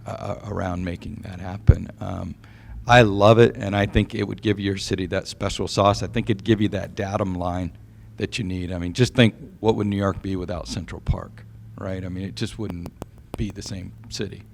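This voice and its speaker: A man gives advice to a city audience, measured and steady, with the odd filler. His voice is very deep and carries a gravelly fry. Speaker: presenter advising a city. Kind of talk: public presentation with recommendations.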